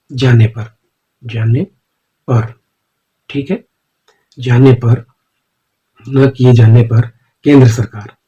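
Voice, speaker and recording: A man teaching a stenography lesson, speaking slowly as he dictates and explains, often repeating single words. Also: medium pitch, dark tone, breathy edge, muffled recording. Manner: slow, repeats words, says "ठीक है" often.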